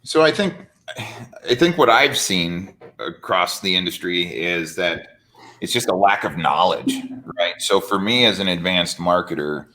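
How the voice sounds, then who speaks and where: A man's voice: sits low, a little slow, low-quality recording. A man hosting a casual business interview, talking energetically and often checking in with "right?". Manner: energetic salesy talk with many "right?" tags. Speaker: host.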